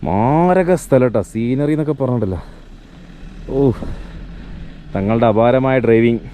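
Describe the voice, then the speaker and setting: Excitable man vlogging over outdoor noise. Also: medium pitch, unhurried. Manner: Malayalam sprinkled with English words and slang; exclamatory, repeats phrases. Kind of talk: casual excited travel vlog commentary. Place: outdoors and in a vehicle on rough hill track. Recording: noisy outdoor and vehicle background.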